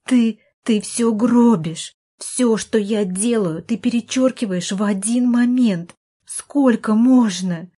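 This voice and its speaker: A woman reading an audiobook, voicing a young woman who shouts and pleads with her brother. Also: medium pitch, slow, breathy edge. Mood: pleading. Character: furious desperate young woman, doctor's sister.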